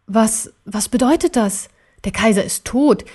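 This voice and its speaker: A woman's voice: a little high, measured pace, a little mellow. A woman reading a storybook aloud, voicing a timid, curious man who asks hesitant questions.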